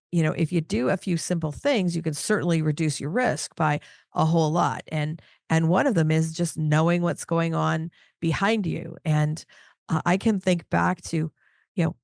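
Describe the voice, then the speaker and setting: A woman's voice: low-pitched, gravelly, a little mellow, no echo, studio quality. A middle-aged woman interviewing on a podcast, talking thoughtfully with frequent restarts and "you know"s. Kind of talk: casual podcast chat.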